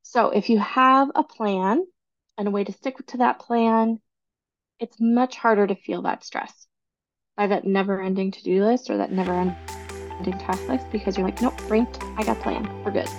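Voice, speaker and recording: Soft music plays behind this podcast host, a thirties-aged woman chatting away on her own show, clearly excited about organizing even as her voice recovers from laryngitis. She keeps a steady tone in a mid-range voice, speaking at a moderate pace, casual throughout.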